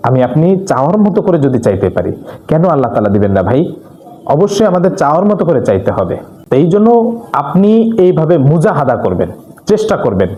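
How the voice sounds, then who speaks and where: A man preaching a religious talk, earnestly urging listeners and slowly reciting Arabic supplications. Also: on the high side, warm tone, roomy sound. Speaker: Islamic preacher.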